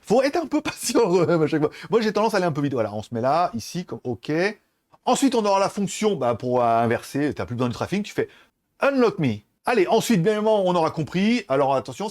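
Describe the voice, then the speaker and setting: Lively French-speaking man demoing a webcam. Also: on the high side. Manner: chatty, laughs often, addresses viewer directly. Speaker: tech reviewer. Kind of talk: casual product demo. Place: room with small fan and air conditioner. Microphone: webcam built-in microphones.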